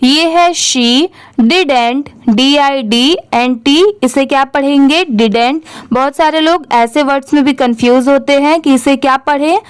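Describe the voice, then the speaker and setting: High-voiced Indian woman teaching reading slowly. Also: no room sound. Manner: spells words letter by letter, then asks how to read them. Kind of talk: slow, patient reading lesson.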